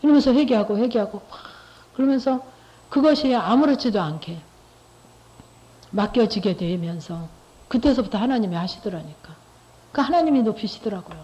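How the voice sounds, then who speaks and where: A middle-aged woman with a somewhat high but mellow voice shares her faith testimony with a church group. She talks conversationally, repeats herself and keeps turning to her listeners with rhetorical questions. The recording is dull and lo-fi. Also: lively intonation, fairly quick, pauses often. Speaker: lay church speaker giving testimony.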